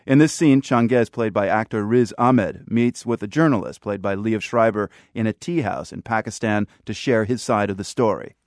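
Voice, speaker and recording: A man hosting a radio news program, reading his narration and interviewing with a steady, clear delivery. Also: fairly low pitch, normal speed, hardly any pauses, no room sound, studio quality. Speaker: radio host.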